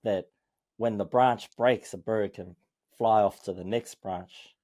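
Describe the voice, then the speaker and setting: A man's voice: lowish voice, steady tone, takes it slowly, warm tone. A man co-hosting a casual podcast chat, joking around and slipping into mock sermons. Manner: joking, mock preacher bits. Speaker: podcast co-host.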